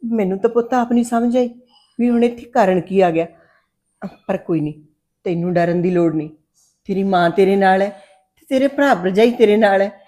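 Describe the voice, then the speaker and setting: A woman's voice: mid-range voice, normal speed, long pauses, mellow, close to an everyday voice. Protective Punjabi mother, played by a woman, middle-aged, firm and comforting. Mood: reassuring. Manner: protective, reassuring. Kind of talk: web series drama acting.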